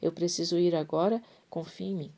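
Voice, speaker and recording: An earnest, devout woman of means speaks in a low, warm voice , as a woman reading a Bible story does her lines. She sounds sincere and pleading, with the plain delivery of someone reading aloud. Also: steady tone, fairly quick. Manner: reads with small restarts.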